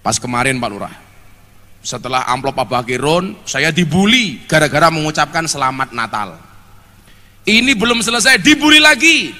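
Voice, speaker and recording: A man preaching a lively, joking sermon to a gathering, scolding and teasing the crowd by turns. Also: fairly high pitch, big-room sound.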